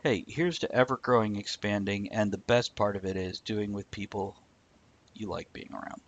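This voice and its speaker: A man with a lowish voice at a moderate pace hosts a livestream show, trading casual, wry, joking banter and giving informal step-by-step explanations. The livestream audio sounds dull and lo-fi.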